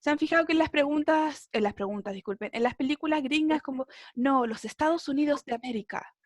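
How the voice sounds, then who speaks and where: A woman's voice: high voice, fast, no echo. A woman with a Chilean Spanish accent, teaching an English class online in a chatty way and often checking in with her students.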